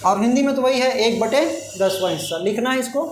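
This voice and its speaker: A man's voice: extremely high pitch, fairly quick. A middle-aged man teaching a math class, asking students questions and then giving the answers himself. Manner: call-and-response questioning. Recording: echoey classroom with faint hiss.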